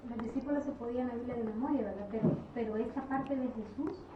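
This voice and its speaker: A woman in the audience asks the preacher a question, hesitating and tripping over repeated words. Her voice is slightly high, picked up from a distance in an echoey room. The recording is dull with faint noise. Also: fast talker. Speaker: congregant asking a question.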